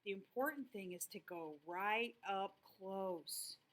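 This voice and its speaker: A woman's voice: mid-range voice, takes it slowly, fairly bright tone, pitched below the performer's own voice. A woman voicing sly, coaxing big jungle animals in a children's storybook. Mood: smug. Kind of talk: storybook character voice.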